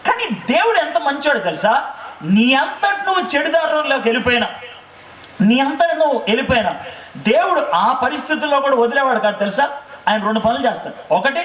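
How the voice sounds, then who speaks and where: A man's voice: very high-pitched, fairly bright tone, roomy sound, far from the mic, a little hiss or hum, low-quality recording. A man preaching a sermon at an evening revival meeting, asking the crowd rhetorical questions and telling a family story with laughter. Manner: asks the crowd rhetorical questions, keeps checking they understood.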